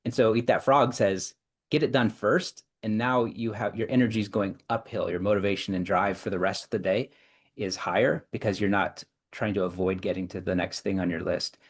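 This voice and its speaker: A man with a notably deep voice speaks as an interview guest. He lays out his points in long, careful chains of reasoning, often circling back to restart a phrase. The delivery is measured and explanatory. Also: fairly even intonation, husky. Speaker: clinical psychologist and executive coach, guest.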